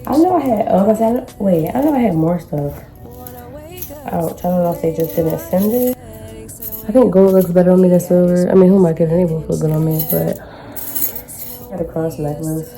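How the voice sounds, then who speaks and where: Female haul vlogger, low register, loose slangy chat, clear music bed underneath. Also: normal speed, long pauses, mellow. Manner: rambling, informal, slangy. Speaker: vlogger showing a shopping haul. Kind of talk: casual chatty haul vlog.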